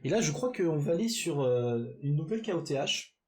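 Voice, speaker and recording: Fairly high in pitch and a little mellow, this man's voice swings widely as he casts a live esports game. His commentary is chatty and loose, packed with fillers and quick self-corrections.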